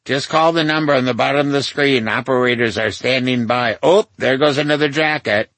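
A man's voice: medium pitch, a little fast, a bit bright, no room sound. A man in his sixties reading his memoir aloud to his mother, wry and confiding, with self-mocking asides. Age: 60s. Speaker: memoir author.

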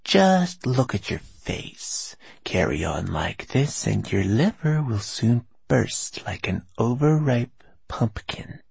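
A man voicing a tiny, blunt old female moss woman healer who scolds in a gravelly, drawn-out way. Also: fairly low pitch, lively intonation, no echo, exaggerated voice. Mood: scolding. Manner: gruff, scolding, drawn-out words.

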